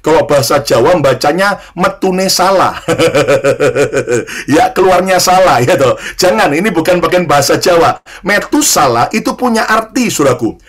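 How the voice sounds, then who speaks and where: A man preaches in a notably high voice. He has the congregation repeat his lines back to him and drops in light jokes, calling his listeners brothers and sisters. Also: lively intonation, fairly quick, hardly any pauses. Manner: leads the congregation in call-and-response repetition. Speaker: pastor. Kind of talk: sermon.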